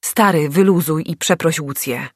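A woman's voice: deep voice, normal speed, no room sound, studio quality. A woman reading an audiobook, voicing a young man who speaks bluntly to a friend. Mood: urging.

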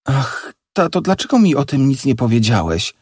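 A man's voice: mid-range voice, big pitch swings, normal speed, a little mellow, slightly rough, no echo, clean studio sound, pitched above the performer's own voice. A man voicing an anxious young daughter.

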